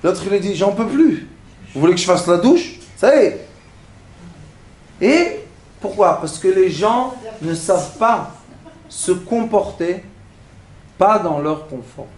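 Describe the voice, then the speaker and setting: A man giving a sermon, animated, acting out everyday scenes and asking the audience questions. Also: sits high. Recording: echoey room.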